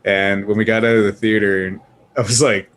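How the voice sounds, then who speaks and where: A fairly low male voice with little pitch movement, a moderate pace and a fairly bright tone. He's a panelist on a gaming show, chatting casually, telling stories and ranting about films in an animated, sweary, jokey way.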